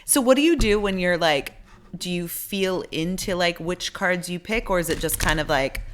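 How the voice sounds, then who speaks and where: A woman's voice: on the low side, moderate pace. A woman co-hosting a podcast, reacting bluntly and emphatically in casual chat, with some swearing. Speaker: podcast co-host.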